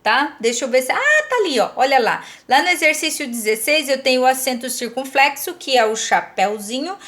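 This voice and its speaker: Woman, Brazilian Portuguese accent, high voice, patient teacher, checks understanding often. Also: fairly quick, fairly bright tone. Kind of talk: recorded classroom lesson.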